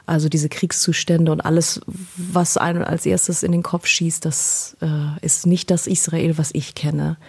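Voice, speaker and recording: A woman's voice: deep voice, flat delivery, a little slow, vocal fry, few pauses, slightly rough. A woman in her thirties from Germany, answering interview questions in an earnest way, with many hesitations and repeated words. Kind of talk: personal interview.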